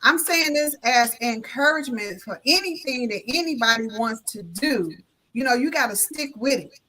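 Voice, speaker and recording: A woman's voice: on the high side, moderate pace. A woman guest on a live talk show, telling a story in casual, colloquial speech, acting out the voices of the people in it and speaking of her faith, heard over a video call. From Illinois. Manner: lively storyteller who acts out each voice in the tale. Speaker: notary guest.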